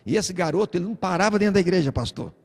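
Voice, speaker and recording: A man with a Brazilian accent preaching a sermon as pastor, a lively storyteller who acts out the voices in his stories. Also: high voice, very fast, big-room sound. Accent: Brazilian Portuguese. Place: church.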